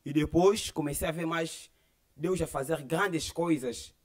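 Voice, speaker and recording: A man's voice: on the high side, measured pace. A young man with an Angolan Portuguese accent gives an earnest personal religious testimony, acting out the dialogue he quotes. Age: young adult. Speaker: church member giving testimony.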